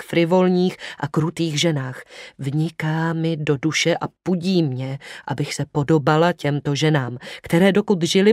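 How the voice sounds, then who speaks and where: A man's voice: a little high, no echo, clean studio sound, natural voice. A man voicing a proud, imperious young woman in an audiobook, speaking sharply and commandingly. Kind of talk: audiobook reading.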